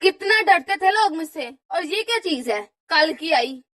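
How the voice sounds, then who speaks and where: A woman voicing a nagging older mother-in-law in a cartoon, scolding her daughter-in-law with shrill, drawn-out wails. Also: expressive, fairly bright tone, no echo, exaggerated voice. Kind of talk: cartoon voice acting.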